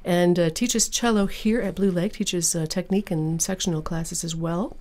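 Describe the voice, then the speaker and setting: A woman speaking as a public radio host, presenting classical music and interviews in a measured, conversational announcer's manner. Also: on the low side, steady tone, a little mellow. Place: radio studio.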